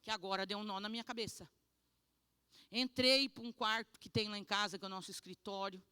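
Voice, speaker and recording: A woman pastor from Brazil tells her testimony in an animated, emotional sermon. Her voice is bright and forceful, recorded close and dry. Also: medium pitch, fairly quick, smooth, no echo.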